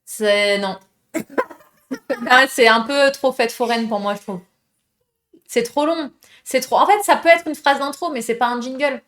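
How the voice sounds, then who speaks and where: A woman co-hosts a casual debate stream, reacting with short, blunt remarks. Her voice is a little high. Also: unhurried, long pauses, a bit bright. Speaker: co-host.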